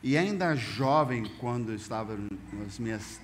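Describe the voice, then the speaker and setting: A man's voice: mid-range voice, animated, unhurried. Man interpreting a sermon in a church. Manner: repeats each phrase in first person, sometimes restarting mid-phrase. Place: church hall. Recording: echoey church hall, faint noise.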